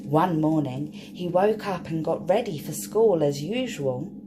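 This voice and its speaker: With a low-pitched voice, lively intonation and a measured pace, a woman reads a picture book aloud for young children. She stretches out key words, talks directly to them, and background noise can be heard.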